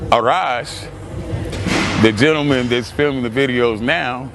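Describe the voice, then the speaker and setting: A man's voice: mid-range voice, unhurried, music in the background. Middle-aged man in a profane, taunting rant. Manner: combative, taunting, heavy swearing. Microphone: clip-on mic.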